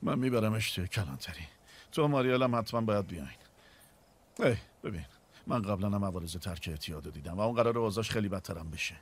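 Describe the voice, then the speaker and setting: A man dubbing a lawman in a drama, speaking in a steady, commanding way. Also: lowish voice, a little hiss or hum, close to an everyday voice. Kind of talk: Persian dub acting.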